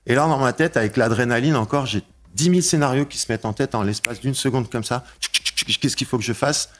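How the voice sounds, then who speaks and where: A man giving an emotional testimony, telling his story in a halting way, repeating himself and raising his voice when he relives the moments. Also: mid-range voice, background noise. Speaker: interviewee recounting a break-in.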